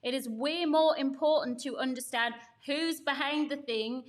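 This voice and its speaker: A woman's voice: high voice, normal speed. A woman co-hosting a casual chat on marketing, explaining her points emphatically in long runs with examples. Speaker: co-host.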